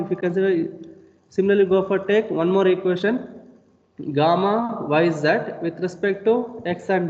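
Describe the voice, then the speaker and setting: A man's voice: high-pitched, darkish tone. A man giving an online engineering lecture, explaining step by step and asking rhetorical questions. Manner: repetitive explanatory teaching, asks rhetorical questions. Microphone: video call. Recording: dull lo-fi call audio with long reverb.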